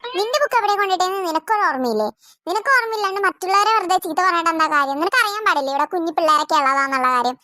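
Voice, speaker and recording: A woman's voice: extremely high pitch, expressive, racing, sharp tone, no room sound, studio quality, heavily acted. A woman voicing an exasperated mother in a family cartoon who scolds her children. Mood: scolding. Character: scolding harried cartoon mother of several kids.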